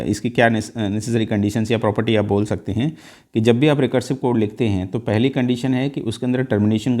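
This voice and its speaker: A male teacher explains code for an exam in a dark, mellow voice, mixing Hindi and English. He works through each step patiently and often fills pauses with a drawn-out "uh". The tone stays steady and classroom-like throughout. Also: on the low side. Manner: mixes Hindi and English, steps slowly through each value with many "uh" fillers. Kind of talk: exam-prep lecture walking through code.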